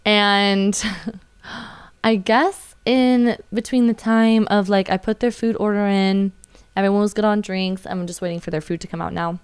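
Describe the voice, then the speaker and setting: Smooth-voiced young woman telling stories. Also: mid-range voice, steady tone, measured pace. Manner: chatty storyteller with many fillers and likes. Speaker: podcast guest, waitress. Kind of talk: casual podcast chat, storytelling.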